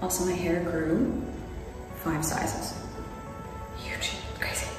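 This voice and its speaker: A young woman talking casually and brightly into her vlog camera, a professional dancer sharing her day. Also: on the low side, flat delivery, slow pace, poor audio. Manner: upbeat and chatty. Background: background music.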